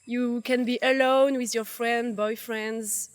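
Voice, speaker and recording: A woman with a French accent, speaking haltingly and searching for words as a tourist in a street interview. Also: a little high, steady tone. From France.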